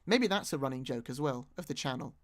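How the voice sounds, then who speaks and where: A man's voice: medium pitch, lively intonation, quick pace. A British man giving casual, rambling commentary as he rewatches his own video, often restarting his sentences and poking fun at himself. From Britain. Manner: rambling, self-mocking, many restarts. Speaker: YouTube creator.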